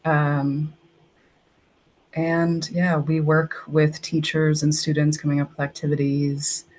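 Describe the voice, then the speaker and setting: Speaking slowly in a low, level, darkish voice, this young woman from Texas chats through stories on a podcast as a guest in a casual interview. She is an English language assistant who leans on "like" a lot. The audio quality is low.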